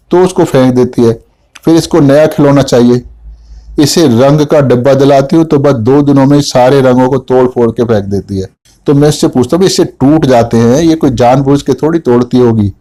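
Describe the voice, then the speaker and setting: A man's voice: medium pitch, mellow. A middle-aged man, a homeopathic doctor, narrating a patient case and voicing the mother's replies in first person.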